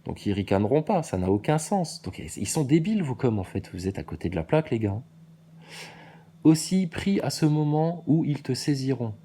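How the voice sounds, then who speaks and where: Combative, preachy man with a mellow voice. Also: mid-range voice, very animated, moderate pace, slightly rough. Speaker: video maker answering viewer comments. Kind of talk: ranting monologue to commenters.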